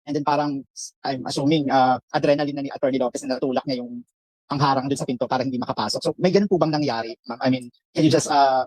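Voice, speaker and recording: Fast-talking hesitant male reporter. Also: mid-range voice, steady tone, a little mellow, dry recording, poor audio. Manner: hesitant, many fillers, polite. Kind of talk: press conference questioning.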